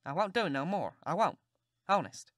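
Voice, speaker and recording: A woman's voice: on the low side, sing-song, normal speed, no echo, studio quality. Tom Sawyer, a woman doing a sly Southern boy. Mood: mock-innocent. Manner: mock-innocent, polite, drawling. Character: cheeky, playacting Southern boy, sly and innocent.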